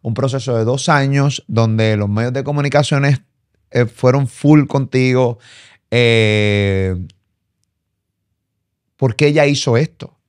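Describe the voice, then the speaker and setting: A man's voice: mid-range voice, slow pace, pauses often, a little mellow, smooth. A male interview host, asking direct, pressing questions and summing up answers.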